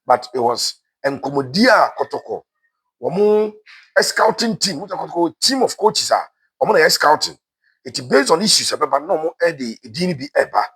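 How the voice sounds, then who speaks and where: Husky Ghanaian man talking football news. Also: fairly high pitch, big pitch swings, a little slow, a bit bright. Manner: switches between Twi and English, frequent "eh" fillers. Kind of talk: casual sports news commentary.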